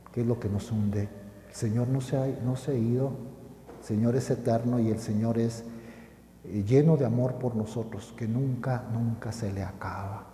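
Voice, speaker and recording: A man's voice: fairly low pitch, dark tone, a little hiss or hum. A middle-aged male priest giving a homily, speaking earnestly and directly to his listeners in a pastoral way. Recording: roomy hall with long reverb.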